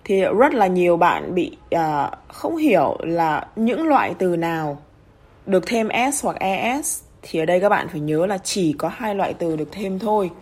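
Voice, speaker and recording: A Vietnamese woman teaching English pronunciation, explaining rules and reading example words slowly and clearly. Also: on the low side, sing-song, darkish tone. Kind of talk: pronunciation lesson.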